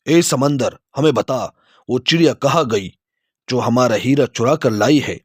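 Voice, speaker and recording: A man voicing a greedy, hot-tempered king who shouts commands in a storybook tale. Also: medium pitch, lively intonation, no room sound, studio quality, close to an everyday voice. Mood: haughty. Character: greedy, furious male king barking orders.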